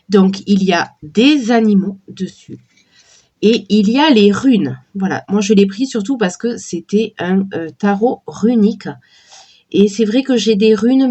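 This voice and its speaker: A woman with a cold and a sore throat, slowly and hesitantly chatting while showing a deck of oracle cards. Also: mid-range voice, a little mellow. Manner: slow, hesitant, many fillers and restarts. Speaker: tarot and oracle card reviewer. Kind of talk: casual unboxing chat.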